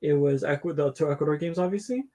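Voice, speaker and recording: A man co-hosting a football watchalong speaks quickly in a slightly high, dark-toned voice. In casual chat he tells long, rambling stories packed with fillers and restarts.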